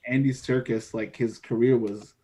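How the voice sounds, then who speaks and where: A man chatting about movies in a relaxed, loose manner, his sentences drifting and trailing off. His voice sits in an ordinary middle range. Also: mid-range voice, normal speed. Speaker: podcast panelist. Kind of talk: casual film discussion.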